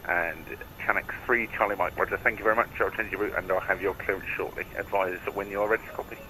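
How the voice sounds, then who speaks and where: Male atc guy on the radio, bright forceful voice, bit low, faint noise. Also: fairly even intonation, fast, rough recording. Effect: radio transmission. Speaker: virtual air traffic controller. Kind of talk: air traffic control phraseology.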